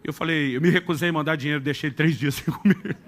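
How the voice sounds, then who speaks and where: A middle-aged man preaching a sermon, telling a family story with acted-out dialogue and shifts to a soft, intimate tone. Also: on the high side, fast, a little hiss or hum. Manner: animated storyteller acting out dialogue, dropping to soft intimate tones. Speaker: pastor.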